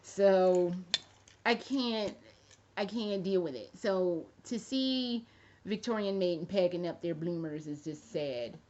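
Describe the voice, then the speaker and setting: Speaking slowly in a lowish, slightly mellow voice, this thirty-something fashion vlogger talks to camera in a loose, rambling way, full of jokes and free swearing. It's a dull, lo-fi recording.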